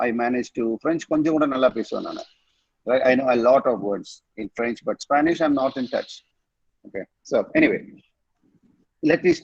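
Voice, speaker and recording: A man's voice: medium pitch, husky, no echo, muffled recording. A middle-aged man with a Tamil accent teaching an online college training class, switching between languages and repeating words to drill them. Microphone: online class mic.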